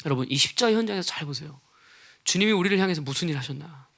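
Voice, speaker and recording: A man's voice: on the high side, lively intonation, rapid-fire, creaky, fairly bright tone. A male pastor preaching a sermon, with frequent rhetorical questions and acted-out quotes of scoffers.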